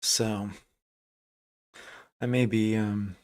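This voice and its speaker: His lowish, slightly mellow voice stays flat, and he draws out his words. As a livestream day trader, he casually thinks aloud, chats with viewers, restarts phrases, and reads their names from the chat.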